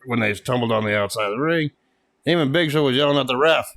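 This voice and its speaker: Gravelly guy rambling through a wrestling recap, says freaking a lot. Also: mid-range voice, fast talker, fairly bright tone. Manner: rambling, laughs often, filler "freaking". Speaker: wrestling reviewer. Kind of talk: casual podcast chat.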